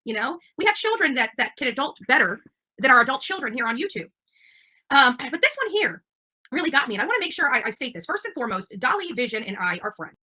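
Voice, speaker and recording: A livestream channel host talks casually to her audience, rambling in an emphatic, defensive way. Her voice is high and sing-song, fast and sharp-toned. It's a casual livestream monologue.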